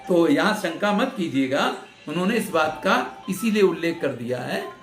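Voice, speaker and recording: A man teaching Sanskrit grammar, slowly demonstrating each sound, repeating syllables and checking that students follow. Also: on the high side, animated. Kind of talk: explanatory lecture. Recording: echoey room with faint music.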